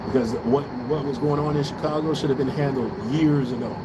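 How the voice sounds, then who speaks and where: With a medium pitch, fairly even intonation and a slightly fast delivery, an American livestream host vents bluntly about politics, swearing and repeating phrases for emphasis. He's outdoors on a city balcony, and the recording is thick with loud traffic, vehicles and street ambience.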